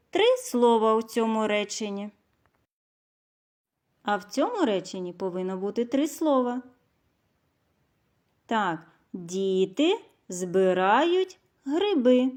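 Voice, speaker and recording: A woman teaching a literacy lesson to young children, asking questions, praising answers and slowly drawing out sounds and syllables. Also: mid-range voice, darkish tone. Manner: slow, clearly drawn-out sounds and syllables, asks questions and praises. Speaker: kindergarten teacher.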